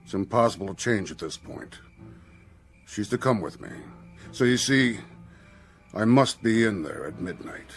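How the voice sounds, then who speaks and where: An actor playing Death as a polite, implacable gentleman in a radio drama, formal, measured and fussy. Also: on the low side, lively intonation, soft background music. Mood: formal, firm.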